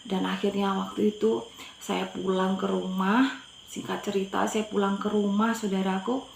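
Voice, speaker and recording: A woman's voice: mid-range voice, flat delivery, moderate pace, vocal fry, echoey room, a little hiss or hum, rough recording. A middle-aged woman from Madura, a pastor, telling her personal faith testimony earnestly and often addressing her listeners directly. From Madura, Indonesia.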